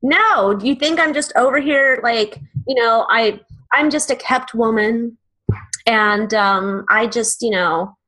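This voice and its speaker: A woman's voice: a little high, slow, sharp tone. A middle-aged woman co-hosts a casual podcast. She talks bluntly and swears freely. She jokes her way through her stories. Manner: blunt, profane and joking. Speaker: podcast co-host.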